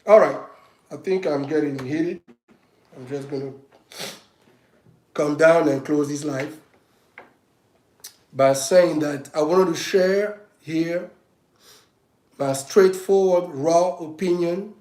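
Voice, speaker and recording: A man's voice: on the high side, slow pace, long pauses, a little mellow, roomy sound, poor audio. A man giving a heated, emphatic political monologue on a livestream, with frequent restarts as he presses his points. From Africa. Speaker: self-styled state governor giving political commentary.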